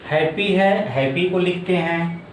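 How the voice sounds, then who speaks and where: A man teaching English grammar in a video lesson, going slowly step by step and repeating each word form. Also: sits high. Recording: echoey room with faint background noise.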